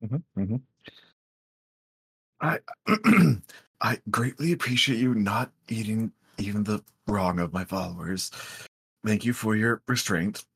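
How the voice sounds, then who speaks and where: A man's voice: lowish voice, slow, gravelly, long pauses, fairly bright tone, slightly rough, exaggerated voice. A man voicing a polite, bewildered male alien abbot in a tabletop game, talking in a hesitant, stammering and formal way. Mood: grateful. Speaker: game master. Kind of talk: tabletop role-play voicing.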